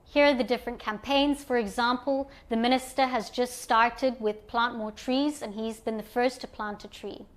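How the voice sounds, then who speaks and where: A woman's voice: on the high side, fairly even intonation, normal speed, hardly any pauses. Woman explaining a platform step by step. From Zimbabwe. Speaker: platform presenter. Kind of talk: guided screen walkthrough.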